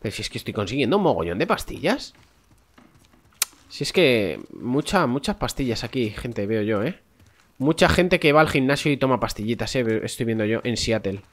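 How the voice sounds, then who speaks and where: A man's voice: medium pitch, animated, normal speed. A man from with a stuffy, nasal voice from a cold, chatting casually to viewers as he plays a game, swearing often. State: congested, nasal voice. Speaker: gameplay streamer. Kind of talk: casual let's-play commentary.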